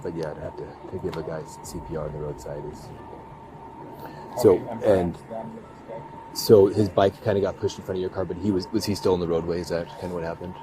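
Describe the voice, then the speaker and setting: A male police officer questioning casually in a low-key, tentative way, often repeating his first words. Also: fairly even intonation, brisk, a crowd in the background. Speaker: police officer investigating a crash. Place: outdoors at a roadside. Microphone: police body camera. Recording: noisy roadside bodycam with vehicle sounds. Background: traffic and outdoor ambience.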